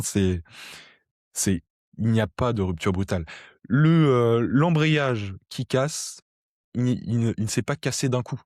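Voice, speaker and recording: A man's voice: lowish voice, a little mellow, no room sound, studio quality. A man explaining sociology ideas to camera in a conversational way, with frequent fillers and restarts. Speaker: sociology educator.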